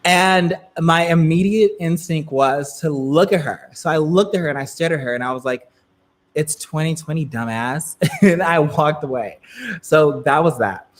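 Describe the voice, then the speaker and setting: A man in his twenties telling a story to a live chat in a casual, filler-heavy way. He laughs often and swings between loud and soft. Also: on the high side, moderate pace. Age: 20s.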